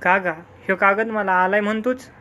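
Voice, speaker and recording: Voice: medium pitch, flat delivery, moderate pace, bright, forceful tone, lightly acted. A storyteller voicing a humble village farmer and father who speaks plainly and patiently. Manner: plain humble rustic speech.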